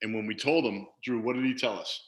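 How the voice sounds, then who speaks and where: A man's voice: fairly low pitch, fast talker, rough recording. A man, a father and guest, talking enthusiastically in a casual video chat.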